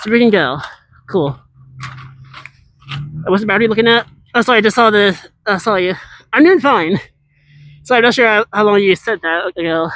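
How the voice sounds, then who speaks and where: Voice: mid-range voice, fairly bright tone. An IRL streamer chatting casually with viewers while walking and scootering outdoors through a large city, rambling and answering chat as they go.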